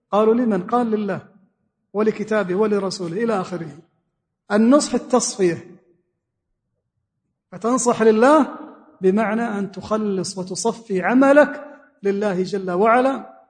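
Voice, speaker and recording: A man teaching a religious lesson in a mosque, explaining a text word by word and repeating key phrases. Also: high voice. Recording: long reverb of a mosque hall.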